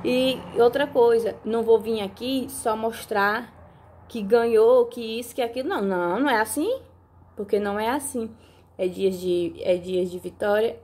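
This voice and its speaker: A woman's voice: fairly high pitch, a little mellow. A woman, chatting casually to her viewers on a phone video, often checking in with them and repeating herself. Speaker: vlogger. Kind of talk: casual vlog talk to viewers. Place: countryside home.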